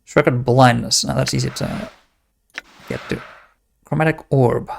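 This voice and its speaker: A man's voice: mid-range voice, steady tone, measured pace, vocal fry, slight background noise. A man giving casual game commentary, thinking aloud and reading text from the screen. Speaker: let's-play host.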